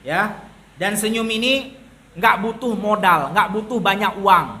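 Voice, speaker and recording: Bright, high-voiced male preacher. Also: unhurried. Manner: colloquial, asks and answers his own rhetorical questions. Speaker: Islamic preacher. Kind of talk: sermon.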